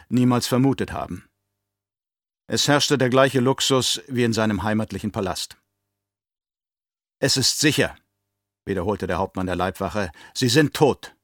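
A man narrating an audiobook in a steady, measured storytelling voice. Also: on the low side, no room sound, clean studio sound. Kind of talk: scripted narration.

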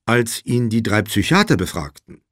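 A man voicing a sharp male lawyer pressing a witness in cross-examination, insistent and loud. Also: on the low side, very animated, normal speed, no echo, studio quality.

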